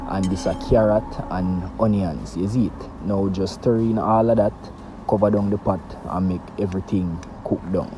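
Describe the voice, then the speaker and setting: A man's voice: low-pitched, steady tone, moderate pace, noisy background. A Jamaican man hosting a casual cooking tutorial, chatty and patois-tinged, talking straight to his viewers. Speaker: cooking show host.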